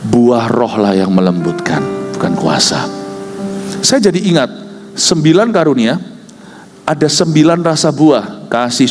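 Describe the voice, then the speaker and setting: A man in his fifties, a pastor telling a personal story in a sermon, acting out dialogue with big jumps in his voice. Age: 50s. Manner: animated, acts out dialogue with big pitch swings. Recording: preached in a hall with reverb, music underneath.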